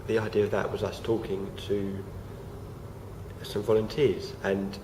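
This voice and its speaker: A young man, croaky from feeling unwell, talking casually to camera with many fillers and restarts. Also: lowish voice, flat delivery, a little slow. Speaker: vlogger. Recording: noisy home recording.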